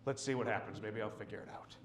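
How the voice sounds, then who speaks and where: A man's voice: on the low side, fast talker, recorded from a distance, background noise. A man doing a stand-up set in an art gallery, telling a story with lots of swearing and acting out the people in it. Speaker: stand-up comedian. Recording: echoey room.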